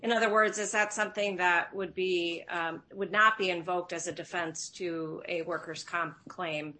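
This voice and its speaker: A woman's voice: on the low side, steady tone, normal speed, sharp tone. A woman judge asking counsel a precise, polite legal question in court.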